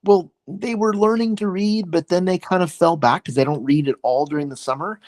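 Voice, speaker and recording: This Oregon podcast guest, a man in his forties, talks in a loose, rambling way on a video call, full of fillers and false starts. He sounds high-pitched, fairly quick and a little mellow, recorded with no room sound.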